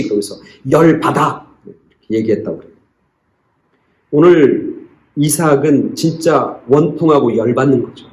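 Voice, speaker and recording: 힘주어 설교하는 남성 목사, 울리는 교회. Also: male voice, mid-range voice, darkish tone. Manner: storytelling with acted quotes, rising to emphatic questions. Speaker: pastor. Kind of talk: sermon. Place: church sanctuary. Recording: roomy church echo.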